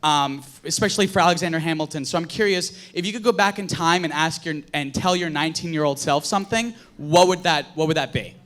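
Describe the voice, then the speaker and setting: A nineteen-year-old man speaks up from the audience in a high voice. He sounds eager and slightly nervous, gushing before he gets to his question. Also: quick pace, few pauses, fairly bright tone. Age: teens. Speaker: audience member asking a question.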